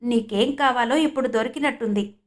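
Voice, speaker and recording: A woman's voice: fairly high pitch, a little fast, lightly acted. Woman playing supportive young friend, teasing, friendly, storybook. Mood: affectionate.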